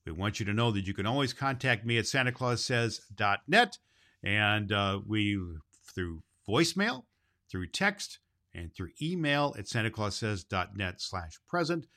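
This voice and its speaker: Playing a kindly, jolly Santa Claus, this man hosts and tells stories on a children's show, addressing boys and girls with cheery folksiness. His lowish voice swings widely in pitch, moves a little slowly, and has a sharp tone in a full character voice.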